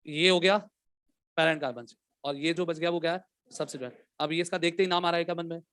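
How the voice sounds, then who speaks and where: A man teaching a chemistry class, quizzing the students and dictating questions slowly. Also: on the high side, steady tone, a bit bright, clear, resonant tone, no echo, clean studio sound. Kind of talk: classroom lecture.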